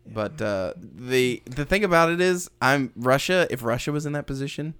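A man's voice: medium pitch, normal speed, smooth. A man co-hosting a podcast in casual chat, joking and laughing a lot. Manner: animated, laughs a lot, jokey. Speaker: podcast co-host.

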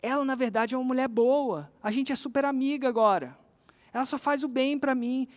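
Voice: sits high, a little fast, in a large hall, lightly acted. A storyteller with a Brazilian accent voicing an impulsive daughter-in-law who pleads in a raised voice. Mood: pleading. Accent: Brazilian Portuguese.

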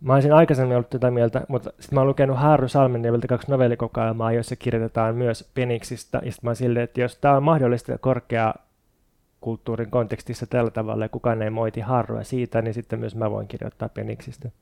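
A man reciting an absurd comic poem in a deadpan, rhythmic way, then chatting casually about it. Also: mid-range voice, creaky, no echo.

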